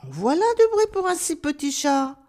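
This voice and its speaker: A woman's voice: high voice, very animated, normal speed, a little mellow, pitched above the performer's own voice. A woman voicing a wise owl in a storybook, speaking in an assured, knowing way.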